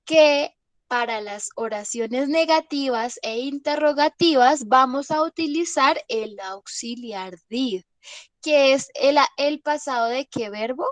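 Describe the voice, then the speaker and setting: A woman teacher leads an online lesson at a slow, patient pace, her voice a bit higher than most. She keeps checking that her students follow along, and the sound is close and dry, with no room echo. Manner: patient, checks understanding with frequent tag questions. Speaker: English teacher.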